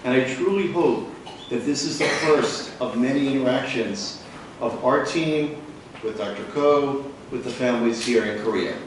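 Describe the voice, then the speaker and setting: A man giving a formal medical lecture in measured short phrases, pausing as if for an interpreter. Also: medium pitch. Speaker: visiting physician lecturer. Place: large echoing room at a talk. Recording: very echoey room, distant mic, faint noise.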